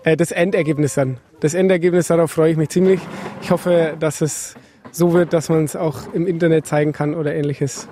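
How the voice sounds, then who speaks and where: A man's voice: on the high side, steady tone, brisk, warm tone. A man who leads a film workshop, answering interview questions casually with some hesitation and fillers. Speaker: workshop leader.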